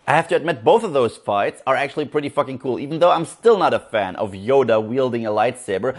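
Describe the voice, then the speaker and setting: Young man, movie reviewer, casual vlog talk, sarcastic, swears a lot, mid-pitched voice. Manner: sarcastic, profane, animated asides.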